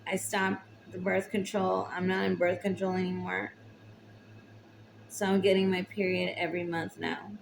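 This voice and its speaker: Young woman vlogger, tearful confessional, lowish gravelly voice, faint background noise. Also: monotone, low-quality recording. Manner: slow, halting, emotional, with long pauses. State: tearful, recently crying. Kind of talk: personal confessional talk to camera.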